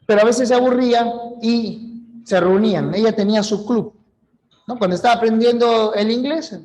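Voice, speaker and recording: His voice sits high and sounds a little mellow: a middle-aged Peruvian teaching a language class online. The lecture is chatty, with him asking questions and answering them on his own.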